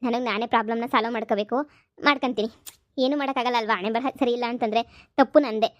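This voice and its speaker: A woman's voice: fairly high pitch, steady tone, quick pace, no echo, highs cut off, natural voice. A woman voicing a troubled young woman in a cartoon, talking in a resigned, complaining way. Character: troubled young woman, sad and self-pitying.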